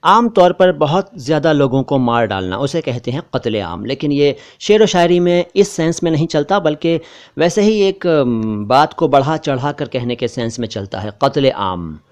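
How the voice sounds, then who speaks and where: Male language teacher; patient, repeats each word slowly and clearly with stress. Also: fairly high pitch, lively intonation. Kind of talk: explaining song lyrics and pronunciation.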